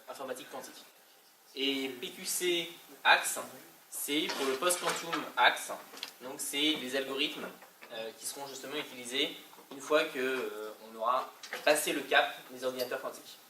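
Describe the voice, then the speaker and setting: A man's voice: medium pitch, sharp tone. A man with a French accent giving an informal technical talk in a colloquial, hesitant way, pronouncing English terms with a French accent. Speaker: conference speaker. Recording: echoey distant mic, faint noise.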